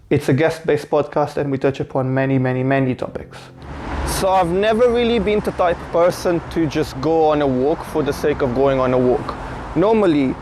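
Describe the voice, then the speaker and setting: A man's voice: fairly high pitch, noisy background. A man in his twenties from Portugal, narrating his own documentary vlog in an earnest, conversational way. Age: 20s. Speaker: vlogger.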